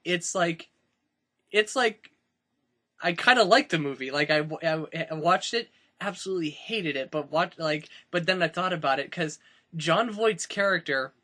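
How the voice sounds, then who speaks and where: Bright-voiced young man chatting loosely. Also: fairly high pitch, lively intonation, normal speed. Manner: rambling, many fillers and restarts. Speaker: podcast co-host. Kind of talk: casual chat. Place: friend's house.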